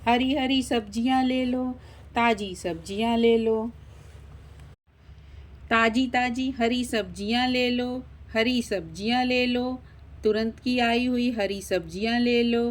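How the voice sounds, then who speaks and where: Pushy veggie seller aunty, a woman doing her, sing-song, scolds, highish voice. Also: takes it slowly. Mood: hawking. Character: pushy female vegetable seller, middle-aged.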